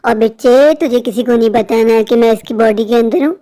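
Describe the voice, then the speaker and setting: A woman voicing a ghostly mother who speaks low, tender and coaxing in an animated horror story. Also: brisk, lightly acted. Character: possessing mother spirit, tender yet eerie.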